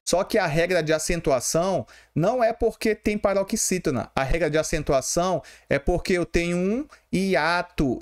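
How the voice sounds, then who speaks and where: Brazilian male exam-prep teacher, voice a bit high, spells out syllables for the class. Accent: Brazilian Portuguese. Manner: talks to students directly, asks and answers his own questions, syllable by syllable. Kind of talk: explaining exam questions.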